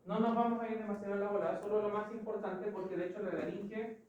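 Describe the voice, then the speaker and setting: Heard from across an echoey large classroom with the highs cut off, a woman with a Chilean accent lectures on anatomy. She talks fast in a steady, slightly mellow, medium-pitched voice, going step by step and asking the class questions.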